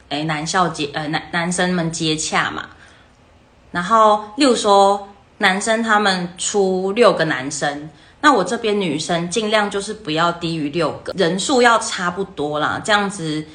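A young woman with a Taiwanese Mandarin accent, hosting a livestream and telling a story in a lively, casual way, acting out the other people's voices. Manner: lively, acts out quoted voices with jumps in pitch. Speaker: livestream host.

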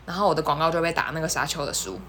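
A woman's voice: deep voice, rapid-fire, a bit bright, a little hiss or hum. A woman, co-hosting a casual podcast chat and reacting playfully with teasing remarks. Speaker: podcast co-host.

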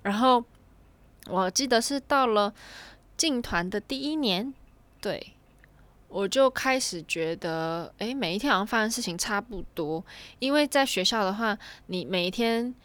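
Young woman just rambling through a story, dry room, mid pitch. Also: animated, unhurried, fairly bright tone, no echo. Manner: rambling, chains clauses with "and then". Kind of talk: casual storytelling.

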